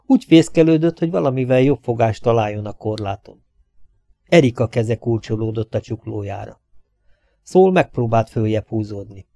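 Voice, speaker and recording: A man reading a thriller aloud as an audiobook narrator, steady and even. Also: medium pitch, no echo, studio quality. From Hungary. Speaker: audiobook reader.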